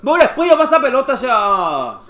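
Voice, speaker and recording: A young man reacting live to a football match, cheering and shouting at every play. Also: very high voice, huge pitch swings, moderate pace.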